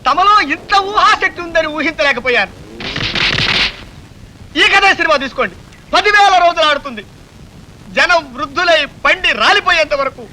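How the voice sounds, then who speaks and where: A desperate, theatrically pleading listener. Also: male voice, extremely high pitch, pushed and bright, heavily acted, rough recording. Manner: pleading, theatrical, formal address. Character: desperate man begging a storyteller to stop.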